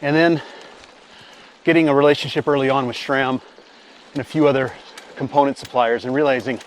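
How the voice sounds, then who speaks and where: A man who founded a bike company, answering interview questions outdoors while riding, relaxed and thoughtful. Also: mid-range voice, a little fast, slight background noise. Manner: relaxed, thoughtful, with fillers and restarts.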